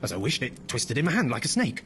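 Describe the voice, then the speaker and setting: A man playing a mild, excitable old father, hesitant and easily startled, in a dramatic horror reading. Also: medium pitch, fast, over music.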